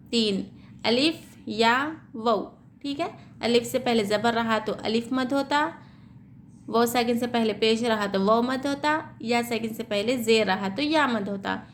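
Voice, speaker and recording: A woman teaching tajweed, spelling out letters slowly and explaining the reading rules, checking in with "theek hai" as she goes. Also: a little high, a little hiss or hum. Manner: slow, drawn-out syllable-by-syllable spelling.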